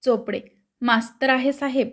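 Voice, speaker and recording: A woman's voice: high voice, steady tone, normal speed, fairly bright tone. Woman reading as a meddling schoolmaster. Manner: butting in, gossipy. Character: meddling male schoolteacher neighbor.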